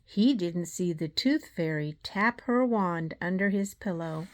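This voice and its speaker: A woman reading a children's storybook aloud in a measured, deliberate way. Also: on the low side, expressive.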